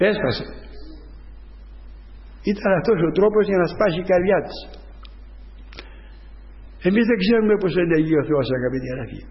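A man's voice: high-pitched, lively intonation, vocal fry, pauses often. A man giving a rambling, fervent spoken testimony to a church congregation, full of restarts. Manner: rambling storytelling with many restarts, preaching fervently. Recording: dull sound with long hall reverb.

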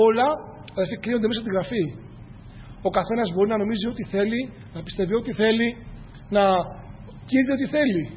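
Brief: male preacher, high voice, earnest rhetorical sermon, muffled lo-fi recording. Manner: earnest, rhetorical questions, repeats key phrases. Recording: muffled, echoey hall with faint noise.

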